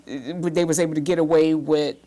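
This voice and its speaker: A woman's voice: sits low, steady tone, moderate pace, dark tone. A woman in her fifties from the Bahamas, a guest telling her story plainly and earnestly in a studio interview. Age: 50s. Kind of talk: talk show interview.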